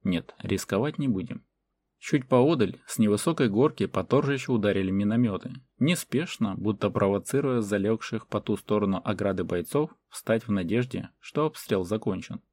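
A man reading a fantasy novel as audiobook narration in a measured way. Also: fairly low pitch, darkish tone. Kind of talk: scripted narration.

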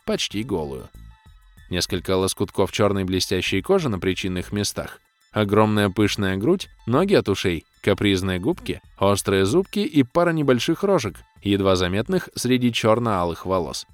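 Low, animated male audiobook narrator. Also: moderate pace, no echo, faint music behind. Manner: wry, ironic first-person storytelling. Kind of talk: expressive fantasy audiobook narration.

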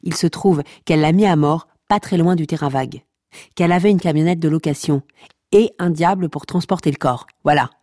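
Playing a teasing, sardonic narrator of comic podcast fiction, an actress chides listeners with deadpan wit. Her woman's voice sits low and moves fairly quickly. The studio sound is clean, with no room sound.

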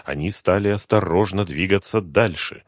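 A man narrating a thriller audiobook in a tense, measured reading on a close microphone. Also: low voice, dry recording. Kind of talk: scripted narration.

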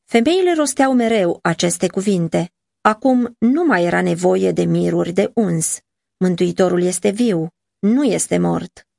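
A woman narrating a devotional audiobook in a measured, earnest reading voice on a close mic. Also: fairly low pitch, vocal fry, darkish tone, dry recording.

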